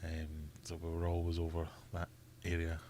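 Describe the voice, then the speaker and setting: Deep-voiced Scottish man chatting on a stream. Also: monotone, normal speed, dark tone, a little hiss or hum. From Scotland. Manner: chatty, laughs often, reads chat aloud. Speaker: livestream host. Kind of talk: casual livestream chat reading comments.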